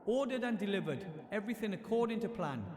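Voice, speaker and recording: A man's voice: high voice, animated, fast, long reverb tail, a crowd in the background. A male actor voicing a young gnome who has become a ghost, musing aloud in a chatty, upbeat way in a video game.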